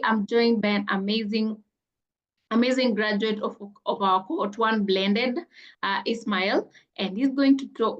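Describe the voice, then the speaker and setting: A woman with a medium-pitched voice hosts an online interview with a graduate, sounding upbeat and heaping on praise, often saying "amazing." The audio is lo-fi.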